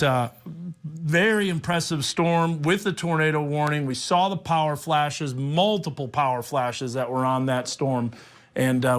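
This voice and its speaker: A man presenting live, unscripted severe weather coverage as a TV meteorologist, explaining things and directing the crew as he goes. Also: mid-range voice. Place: TV studio.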